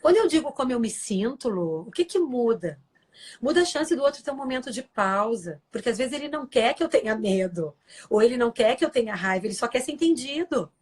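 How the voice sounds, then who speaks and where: A woman's voice: fairly high pitch, animated, fairly quick, breathy edge. A woman giving an earnest, explanatory talk as a guest on a live stream, acting out quoted lines and often checking in with tag questions.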